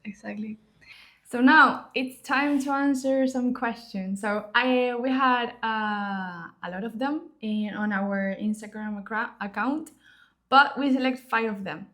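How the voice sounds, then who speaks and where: Higher-voiced woman co-host asking questions. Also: unhurried, pushed and bright. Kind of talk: interview hosting.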